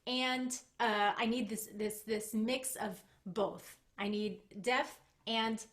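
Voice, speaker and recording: A woman's voice: on the high side, steady tone, takes it slowly, a bit bright. A woman voice teacher coaching a singer in an online master class over a video call, explaining technique with small demonstrations.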